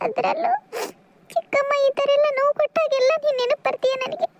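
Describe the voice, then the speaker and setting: A gentle young village girl in a cartoon, soft-spoken and sorrowful, voiced by a woman. Her voice is very high and sits in a dry, close recording. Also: fairly even intonation, a little fast, creaky, no room sound, highs cut off. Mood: sad. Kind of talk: cartoon voice acting.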